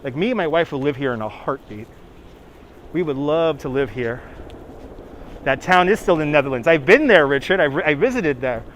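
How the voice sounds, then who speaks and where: Walking the city streets with a phone on a gimbal, a New York-accented livestream host chats casually, reading viewers' names from the chat aloud and laughing often. His fairly high voice is expressive, a bit bright and at normal speed, with a little hiss or hum.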